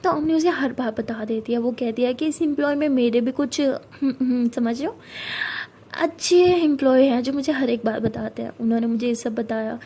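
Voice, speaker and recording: A young woman storyteller narrates a love story in a relaxed, chatty manner, sprinkling in English words. Her voice is high-pitched yet mellow and warm. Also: moderate pace, breathy edge.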